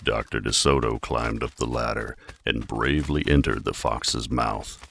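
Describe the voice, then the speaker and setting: A man narrating a children's story in an exceptionally low, creaky voice. The tone is bright and forceful, and the storytelling is measured and expressive. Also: a little hiss or hum. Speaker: audiobook narrator.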